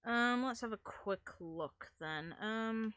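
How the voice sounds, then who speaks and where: Over video game music, a woman with a fairly high, fairly bright voice talks slowly during a live gaming stream, with no room sound. Her chat is casual and blunt, with some swearing.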